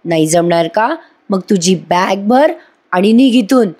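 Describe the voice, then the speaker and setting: A woman's voice: medium pitch, animated, unhurried, dark tone. Woman doing a stern scolding grandmother. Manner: scolding, commanding. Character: stern elderly grandmother, head of household.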